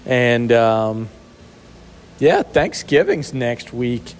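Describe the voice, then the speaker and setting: A male podcast co-host speaks very slowly in an expressive, medium-pitched voice. The chat is casual and teasing, and he's relaxed, laughing quietly a lot. The setting is a sheltered outdoor spot that wraps his voice in big, echoey reverb.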